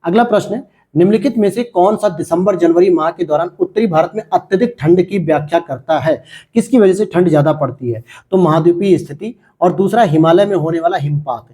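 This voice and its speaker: Mellow-voiced man explaining exam answers. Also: sits high, fairly quick. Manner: chatty, talks straight to students, asks and answers his own questions. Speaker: exam-prep teacher.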